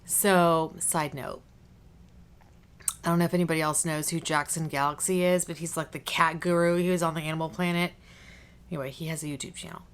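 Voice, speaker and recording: Brisk and smooth, this woman's low voice holds a steady tone as she vlogs casually on beauty topics. She's chatty, informal, and apt to go on tangents, and a slight congestion plus a cough drop in her cheek color her speech.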